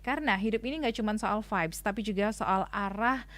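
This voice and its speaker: A woman's voice: mid-range voice, fairly quick. A woman hosting a morning radio talk show, chatting directly to her listeners and introducing a guest. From Bali, Indonesia. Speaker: radio host.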